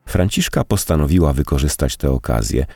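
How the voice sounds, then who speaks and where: Very deep-voiced male narrator. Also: husky, no echo, faint music behind. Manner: expressive, measured storytelling. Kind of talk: audiobook narration.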